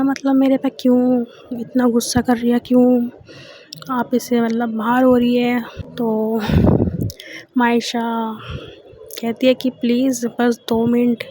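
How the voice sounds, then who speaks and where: A woman's voice: fairly high pitch, dark tone. A woman storyteller narrating a love story in a chatty, loose way, full of fillers.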